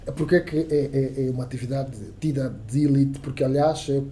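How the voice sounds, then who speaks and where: A male Angolan journalist with Kissolongo as his first language chats in Angolan Portuguese on a casual podcast interview, using many fillers, restarts and emphatic turns. He talks fast in a dark, medium-pitched voice with fairly even intonation, against slight background noise.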